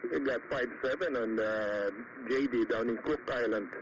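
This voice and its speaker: Male ham operator, short procedural phrases, off-mic sound with clear radio static. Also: mid-range voice, moderate pace. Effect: two-way radio. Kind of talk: clipped radio call exchange. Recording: distant, noisy radio audio.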